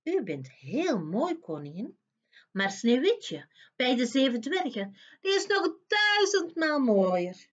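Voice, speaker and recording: A woman reading a storybook aloud and voicing a magic mirror that speaks slowly and solemnly. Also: high voice, sing-song, muffled recording, pitched above the performer's own voice, full character voice.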